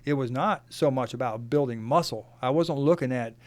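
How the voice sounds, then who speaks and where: A man speaks plainly as a podcast guest, often pausing with ums and uhs. His voice sits at a middle pitch. The recording is dry and close. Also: a little mellow, no echo. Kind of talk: casual conversation.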